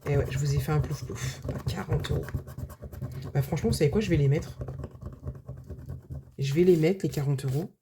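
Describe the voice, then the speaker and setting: A woman's voice: sits low, moderate pace, long pauses, background noise. A woman budget vlogger chatting casually to her viewers, full of filler words and restarts. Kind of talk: casual vlog chat.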